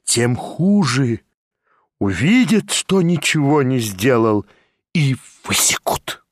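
A man reading an audiobook, voicing a frightened, tearful aging gentleman who pleads in a hushed, anxious way and drops in French phrases. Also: mid-range voice, sing-song, slow, no echo, clean studio sound. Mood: anguished.

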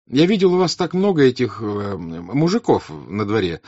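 A man's voice: fairly low pitch, very animated, moderate pace, dark tone, dry recording, dull audio, voice pushed up. A man voicing an ingratiating young officer who asks favours in a sugary, polite tone. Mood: fawning.

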